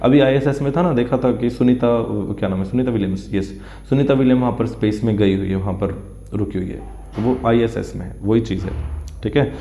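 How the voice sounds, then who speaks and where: A man's voice: mid-range voice, fairly quick, dark tone. Man teaching in a roomy echo. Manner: mixes Hindi and English, repeats words to drill pronunciation, draws while explaining. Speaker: English teacher. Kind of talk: explaining an English news text in Hindi for exam students. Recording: roomy, dull lo-fi sound.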